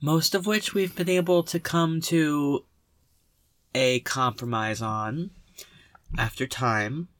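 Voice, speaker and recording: A man's voice: fairly high pitch, slow, long pauses, fairly bright tone, dry recording. A man co-hosting a casual podcast from inside a clothes closet, talking with a dry, wordy humor. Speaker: podcast co-host.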